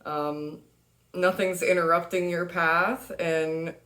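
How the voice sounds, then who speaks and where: A low-pitched woman talks through a tarot reading in an unhurried, chatty way. She fills her sentences with little pauses and soft laughs. Her tone stays loose and conversational. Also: fairly even intonation, reverberant. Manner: chatty, laughs easily, many fillers. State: has the hiccups. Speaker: tarot reader. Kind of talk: casual spoken tarot reading.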